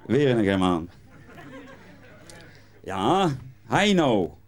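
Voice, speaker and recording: A man's voice: fairly low pitch, sing-song, drawn-out words, some chatter behind. A man performing a rambling comic carnival monologue, talking straight to the audience as he tells his stories. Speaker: carnival comedian.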